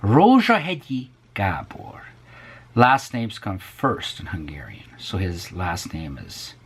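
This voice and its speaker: A man with a low, husky voice hosts a casual vlog, rambling and musing to his viewers and often dropping to a near whisper.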